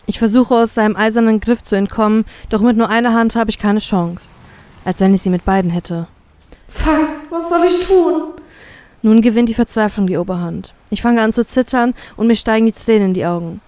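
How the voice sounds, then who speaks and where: Brief: woman reader, first-person fanfiction audiobook, mellow, dry close sound. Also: medium pitch, steady tone, brisk, dry recording.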